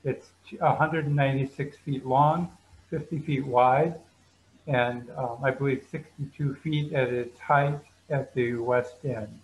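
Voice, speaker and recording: A man's voice: medium pitch, steady tone, measured pace, highs cut off, a little hiss or hum. A man guiding viewers through a slideshow tour of a museum building, explaining at an easy pace with frequent ums.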